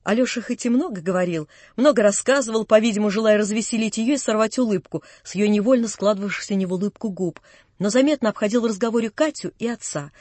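A woman reading a classic novel aloud in the first person, measured and expressive. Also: mid-range voice, no echo. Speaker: audiobook narrator. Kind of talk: literary audiobook narration.

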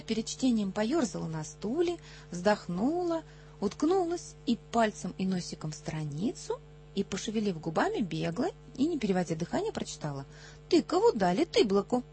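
A woman reading a children's story aloud with animated expression, acting out the dialogue. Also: medium pitch, vocal fry.

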